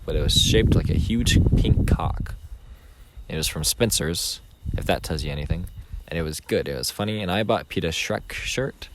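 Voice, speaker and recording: A young man co-hosting a podcast, rambling through a casual story with plenty of fillers. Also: deep voice. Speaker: podcast co-host. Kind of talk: casual chat. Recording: noisy home recording.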